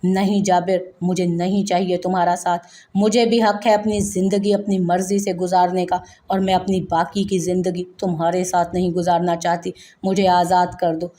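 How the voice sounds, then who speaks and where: A woman's voice: lowish voice, level tone, moderate pace, dark tone, close to an everyday voice. A woman voicing a heartbroken young wife who sobs and pleads yet stands firm, in a narrated audio novel. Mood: tearful defiant.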